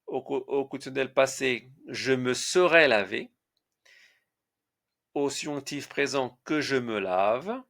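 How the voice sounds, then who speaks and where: A man teaching a French conjugation lesson, slowly reciting verb forms and spelling out their endings letter by letter. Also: mid-range voice, creaky, a bit bright. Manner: slow, deliberate, spells out word endings letter by letter.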